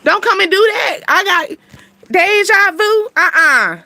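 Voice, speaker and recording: A woman's voice: very high voice, lively intonation, a little slow, sharp tone, dry recording. A woman hosting a casual card reading for viewers, slangy, blunt and playful, laughing often. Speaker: spiritual card reader and channel host.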